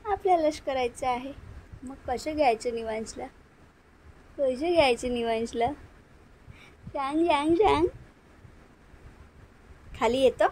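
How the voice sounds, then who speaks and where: A woman's voice: sits high, a little mellow, slight background noise, rough recording. A young mother with a Marathi accent, talking in singsong baby talk to her infant at home while she films on a phone. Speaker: mother and vlogger. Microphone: phone camera.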